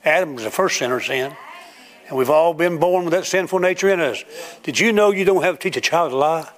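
Folksy preacher. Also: male voice, on the high side, fairly quick, faint music behind. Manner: folksy storytelling, acting out everyday scenes. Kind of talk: sermon. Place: church room with a congregation.

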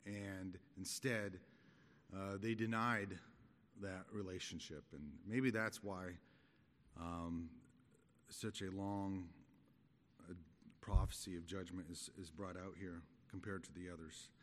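Low-voiced man teaching in an echoey hall. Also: steady tone, fairly bright tone. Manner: halting, conversational, explanatory. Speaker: Bible teacher. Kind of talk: expository Bible study sermon. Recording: echoey hall with long reverb.

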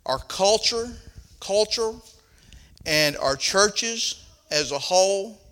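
A man's voice: high voice, animated, slow, fairly bright tone. An older man with a Southern accent preaching a sermon in a folksy style, reading scripture and rising into emphatic points. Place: church platform, roomy.

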